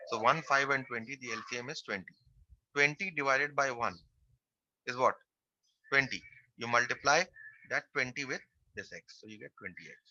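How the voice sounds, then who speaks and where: A man's voice: medium pitch, moderate pace, long pauses, sharp tone, no echo, highs cut off. A man teaching a math class online, working through a percentages problem step by step and repeating the key phrases.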